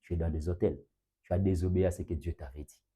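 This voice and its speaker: A man preaching a sermon with emphatic rising bursts, quiet asides and occasional Lingala phrases. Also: low-pitched, fairly even intonation, fast, breathy edge.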